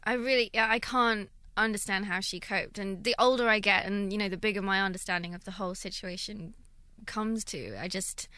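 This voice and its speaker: A young woman from London with a London accent, chatting in a radio interview, thoughtful and quick to laugh. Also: mid-range voice, steady tone, pushed and bright. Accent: London English. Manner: friendly, laughs often, thoughtful. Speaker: guest violinist. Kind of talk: casual interview chat.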